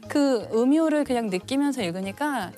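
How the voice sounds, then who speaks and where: A woman's voice: sits high, normal speed, soft background music. Thoughtful middle-aged woman panelist. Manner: thoughtful, animated when recounting children. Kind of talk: casual talk-show chat.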